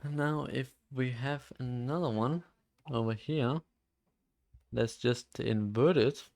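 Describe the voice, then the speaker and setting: An eighteen-year-old guy live-streams while coding, rambling casually with tons of "like" fillers and plenty of swearing. His mid-range voice is gravelly and a bit dark, and he talks slowly.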